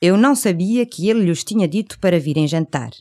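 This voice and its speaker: A woman's voice: lowish voice, expressive, a little fast, mellow. A woman with a European Portuguese accent reading scripted language-course dialogue with careful enunciation.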